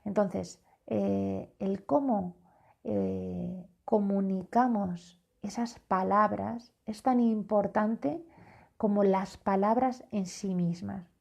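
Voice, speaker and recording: Slow, gravelly-voiced woman parenting coach. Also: medium pitch, darkish tone, lo-fi sound. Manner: slow, deliberate, demonstrates tones by acting out phrases. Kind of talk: live-streamed talk to viewers. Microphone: phone or webcam live stream.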